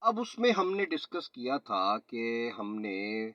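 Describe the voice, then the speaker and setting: A man, a trainer explaining pronunciation in a slow, step-by-step lesson. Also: mid-range voice, sing-song, pushed and bright, no room sound. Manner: slow, explanatory, mixes in English phrases and tongue twisters. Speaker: IELTS and PTE trainer. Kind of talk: spoken teaching lesson. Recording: slightly dull, lo-fi audio.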